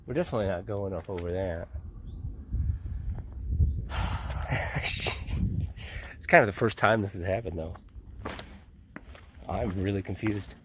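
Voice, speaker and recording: Low-voiced guy hiking and vlogging on his phone in the woods, rambly and chill, a bit winded, faint hiss behind. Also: a little slow, long pauses. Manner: rambling, laid-back, laughs often, swears casually. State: out of breath. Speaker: thru-hiker vlogging on the trail. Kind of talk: casual handheld trail vlog. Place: outdoors in wooded mountains. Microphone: phone camera held by hand.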